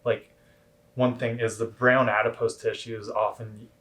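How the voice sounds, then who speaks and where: A man giving casual, instructional explanations as a coach, in a halting, hedging way. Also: medium pitch, flat delivery, fairly bright tone. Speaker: cold plunge coach.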